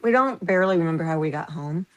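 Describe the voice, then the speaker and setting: A woman's voice: on the low side, lively intonation, fast, dull audio. A woman in her fifties from the American Midwest, a podcast guest telling stories animatedly and laughing through them. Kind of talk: casual storytelling.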